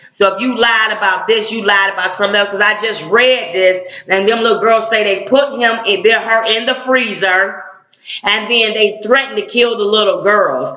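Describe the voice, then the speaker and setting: Middle-aged activist man ranting hard on camera, blunt and slangy, bright forceful high voice, echoey dull recording. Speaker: civil rights activist. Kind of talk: heated online rant.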